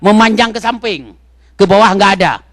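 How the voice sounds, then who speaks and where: A man from Indonesia preaching a sermon in a mosque, talking straight to the congregation with questions and swinging from loud exhortation to soft asides. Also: sits high, moderate pace, vocal fry, dry recording.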